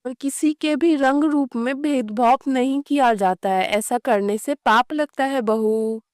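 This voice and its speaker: A woman voicing a patient middle-aged mother-in-law in a cartoon story, who scolds her daughter-in-law gently. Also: sits high, a little slow, no room sound, clean studio sound. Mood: scolding.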